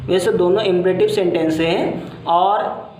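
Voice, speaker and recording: A woman teacher explaining a lesson step by step and slowly repeating example sentences. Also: on the low side, fairly even intonation, a little mellow, a little hiss or hum. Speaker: English teacher. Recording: echoey room.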